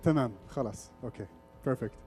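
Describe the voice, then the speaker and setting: A middle-aged Arabic-speaking man, originally from Lebanon and raised in Saudi Arabia, gives an informal, interactive stage presentation, moving between Arabic and English. He is a media executive and conference speaker. His voice is medium-pitched, mellow and husky, delivered rapid-fire over soft background music.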